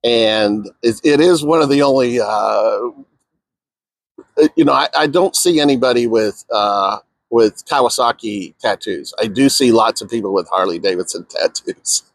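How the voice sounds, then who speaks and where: A man with a mid-pitched voice chats and jokes about biker culture, often pausing on fillers. His voice sounds dry and close to the mic. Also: gravelly, no room sound. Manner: chatty, joking, many fillers. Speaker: motorcycle owner.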